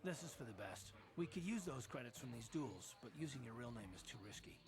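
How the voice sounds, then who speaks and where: Cautious companion, serious, practical, earnest, measured, medium pitch, video game acting. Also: male voice, big pitch swings, over music.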